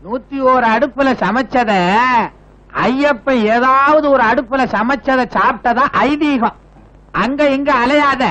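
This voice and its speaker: A man's voice: extremely high pitch, slow, fairly bright tone, heavily acted. An actor playing a greedy, money-minded male guru who talks to pilgrims with scorn, in 1980s film dialogue. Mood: scornful. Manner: scornful, mocking.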